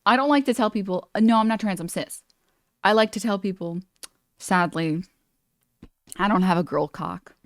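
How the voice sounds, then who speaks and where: During a casual reaction stream, a young woman chats and meanders through her thoughts, leaning heavily on "like" and "you know". Her medium-pitched voice moves at normal speed with long pauses. The audio is studio quality with no echo.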